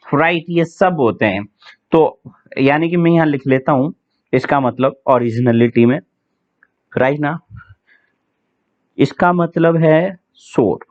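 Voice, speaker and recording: A man teaching English vocabulary for an exam, chatting with students, asking them questions and spelling words letter by letter. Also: a little high. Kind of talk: online exam-prep vocabulary lesson. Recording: tinny phone-like sound.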